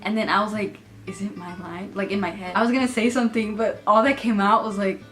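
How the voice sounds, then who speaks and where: A woman's voice: medium pitch, fairly even intonation, fast, a bit bright, soft background music. A young adult woman casually telling stories to camera. She laughs often and fills her sentences with "like". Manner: giggly, laughs through her stories, many filler "like"s. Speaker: vlogger.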